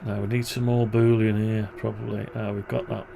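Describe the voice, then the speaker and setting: Gravelly man muttering through his work. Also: lowish voice, flat delivery, brisk, dark tone, a little hiss or hum. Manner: muttering, wry grumbling asides. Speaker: programming tutorial presenter. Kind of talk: thinking aloud while working on screen.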